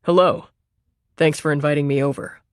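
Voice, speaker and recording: A woman voicing a shy teenage young man who speaks politely, a bit fast and with precision. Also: low-pitched, steady tone, no echo, studio quality, close to an everyday voice. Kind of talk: audiobook character voice.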